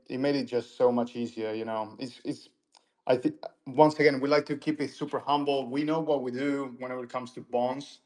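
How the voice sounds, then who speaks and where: A man's voice: mid-range voice, warm tone. Man talking casually with many "you knows". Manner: filler-heavy, repeats "you know" and restarts. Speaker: panel guest. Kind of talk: casual panel conversation.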